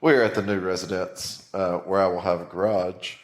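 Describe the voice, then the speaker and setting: A man with a lowish voice hosts a relaxed podcast, chatting in a self-mocking way. His words bounce around a bare room in a newly moved-into house. The echo is so heavy that the room sounds like a cave. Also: normal speed. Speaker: podcast host. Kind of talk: casual chat. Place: empty room in a new house.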